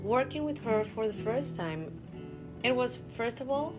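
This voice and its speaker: A woman from Colombia, an actor, speaking deliberately and admiringly in a documentary interview. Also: a little high, lively intonation. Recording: guitar music under voice. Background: guitar music.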